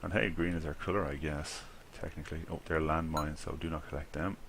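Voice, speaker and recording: An Irish creator of gaming videos talks casually to himself while he plays, rambling and chuckling whenever he messes up. His pitch is extremely low, his tone steady and his pace fairly quick, against a noisy background.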